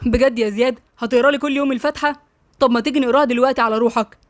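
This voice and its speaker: A woman with an Egyptian accent voicing a hot-tempered young husband, blunt and brisk. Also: a little high, fairly even intonation, no room sound, clean studio sound, natural voice. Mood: grim taunting. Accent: Egyptian Arabic.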